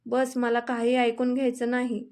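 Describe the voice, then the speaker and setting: A woman's voice: fairly high pitch, completely flat delivery, normal speed, darkish tone, natural voice. A woman voicing a young male farmer, a hurt but firm husband, in a storybook reading with a raised, scolding delivery. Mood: angry.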